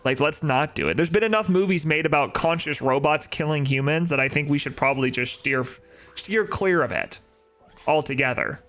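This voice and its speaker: Bright-voiced young man streaming. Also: on the high side, normal speed, soft background music. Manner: opinionated, talks back to chat with rhetorical "right?". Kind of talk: casual live-stream chat.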